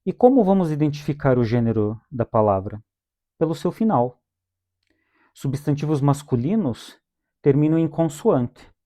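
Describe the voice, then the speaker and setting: A man's voice: fairly high pitch, animated, normal speed, mellow. A young Brazilian man with a Brazilian Portuguese accent, teaching a language lesson in a patient way and repeating each word twice for his learners. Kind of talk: calm lesson with repeated vocabulary drills.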